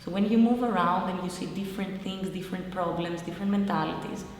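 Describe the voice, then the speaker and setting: In a faintly noisy, strongly reverberant hall, a young woman interviewee speaks quickly in a lowish voice. Originally from Greece and now living in Italy, she reflects on her own story in simple, searching non-native English, her Greek accent clear.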